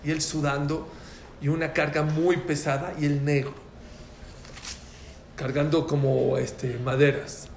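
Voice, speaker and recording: A man's voice: on the high side, a little slow, vocal fry, pauses often, a little hiss or hum. A man teaching a religious prayer class, telling stories and acting out the voices. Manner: animated, acts out voices in anecdotes. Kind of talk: lively religious class with storytelling. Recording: echoey room with faint ambience.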